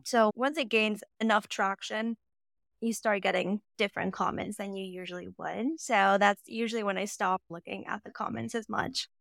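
A woman of thirty with vocal fry, chatting candidly and with self-deprecation as a guest in a casual podcast interview. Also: mid-range voice, steady tone, moderate pace, fairly bright tone, dry recording, clean studio sound. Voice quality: distinctive voice. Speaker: guest, social media content creator.

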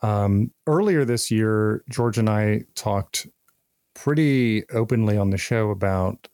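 A man's voice: lowish voice, slow pace, darkish tone, dry recording, clean studio sound. A man hosting a podcast, introducing the episode and putting questions to a guest. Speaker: podcast co-host, interviewer.

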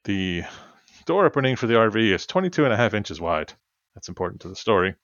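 A man's voice: lowish voice, big pitch swings, fast talker, fairly bright tone, no echo. A man co-hosting a podcast, chatting casually and telling rambling stories with frequent laughs. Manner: rambling storyteller, laughs often. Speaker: podcast co-host. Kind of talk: casual chat. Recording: dull, lo-fi sound.

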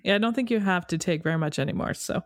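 Low-voiced woman in dry podcast chat. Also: fast, no echo. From Canada. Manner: warm, enthusiastic, laughs easily. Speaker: podcast co-host. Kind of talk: casual chat.

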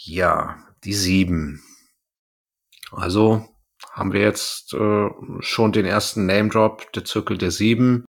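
A podcast co-host with a lowish, gravelly voice recaps and reviews things in a loose, conversational manner, retelling from his notes. He speaks slowly, with fairly even intonation.

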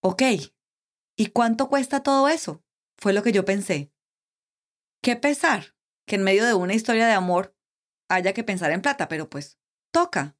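A woman's voice: mid-range voice, lively intonation, normal speed, pauses often. A woman host narrating and speaking straight to the viewers in a conversational way. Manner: conversational, addresses viewers directly. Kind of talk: documentary-style narration.

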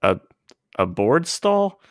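A man co-hosting a podcast, telling stories in a casual, animated and easygoing way. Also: mid-range voice, slow, no room sound, studio quality. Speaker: podcast co-host. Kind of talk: casual chat.

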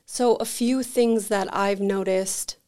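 She speaks slowly and smoothly in a mid-range voice, a podcast guest who runs an energy healing center. Her storytelling is relaxed and chatty, full of animated anecdotes and frequent "like"s.

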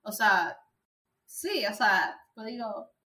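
A woman's voice: medium pitch, animated, slow pace, sharp tone, a little hiss or hum. A woman in her thirties, chatting animatedly about a film as a podcast co-host, with lots of fillers. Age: 30s. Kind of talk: casual film review chat. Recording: echoey room.

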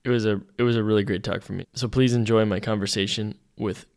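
A man from Canada hosting a podcast, talking in a relaxed, reflective way. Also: lowish voice, fast, gravelly. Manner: relaxed, reflective, talks through thoughts with fillers. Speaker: podcast host. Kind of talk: casual podcast interview.

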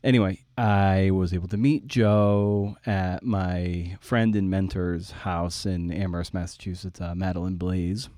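In this dry, studio-quality recording, a deep-voiced man in his forties speaks a little slowly with fairly even intonation, a dark tone, and hardly any pauses. He's a writer hosting an interview podcast, and his personal story comes out rambling and self-deprecating.

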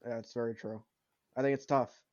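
A man co-hosting a casual sports podcast, lively and teasing with his friends. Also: medium pitch, brisk. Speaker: podcast co-host. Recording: slightly dull lo-fi sound.

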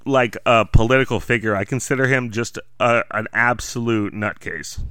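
A man's voice: mid-range voice, normal speed, a bit bright, smooth, dry recording. A man hosting a podcast in casual, wry, joking conversation. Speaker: podcast host. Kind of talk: casual comedic chat.

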